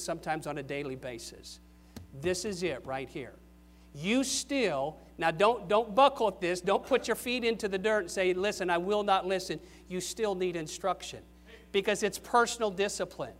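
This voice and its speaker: High-voiced older male preacher, emphatic. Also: fairly bright tone. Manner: emphatic, rising on key questions then dropping low. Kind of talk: sermon.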